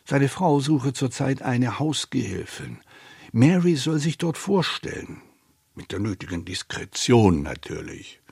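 A man narrating a literary audiobook in a measured, expressive storytelling manner. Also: medium pitch, creaky, breathy edge, no room sound, studio quality.

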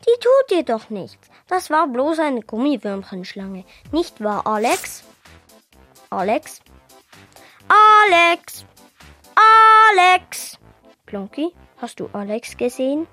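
A woman voices a fussy little sprite in a children's audio story. Her high voice swoops up and down as she scolds and exclaims, at an unhurried pace, with soft music behind. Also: very animated. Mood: worried. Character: bossy, fussy little glowing sprite who spins.

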